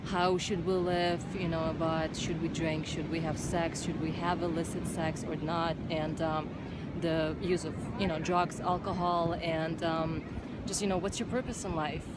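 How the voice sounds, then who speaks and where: A woman's voice: low-pitched, flat delivery, normal speed, hardly any pauses. Woman on a noisy beach. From Uzbekistan. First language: Russian. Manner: thoughtful, hesitant with many fillers. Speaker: vlog host. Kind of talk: casual chat. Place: outdoors on a beach. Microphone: handheld phone camera. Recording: loud outdoor beach noise.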